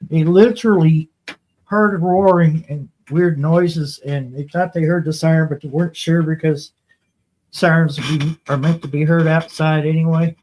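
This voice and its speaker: A man from Ohio, United States, speaks at normal speed in a fairly high, fairly even, slightly mellow voice, heard through a low-quality recording with slight background noise. He rambles folksily through casual anecdotal stories, looping back over what he's said.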